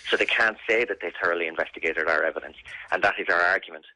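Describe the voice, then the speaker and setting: A man's voice: low-pitched, quick pace, pushed and bright, no room sound, poor audio. An Irish man answering questions in a serious radio interview, earnest and insistent, repeating phrases for emphasis. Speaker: interviewee, bereaved brother campaigning for an investigation.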